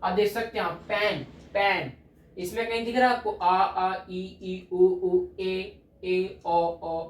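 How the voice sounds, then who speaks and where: A man's voice: high voice, steady tone, slow pace. A man teaching English grammar, explaining patiently, repeating key points and checking often that students follow. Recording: echoey room from a distance.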